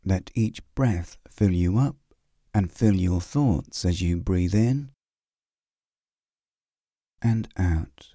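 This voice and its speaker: Slow, deep-voiced male meditation guide. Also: warm tone, no room sound, studio quality. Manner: slow, soothing, with long pauses.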